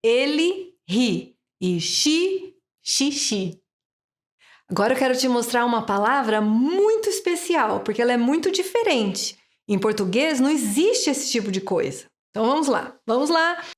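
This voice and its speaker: A woman teaching an English lesson from Brazil, patient and slow, repeating each sound many times. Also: a little high, animated.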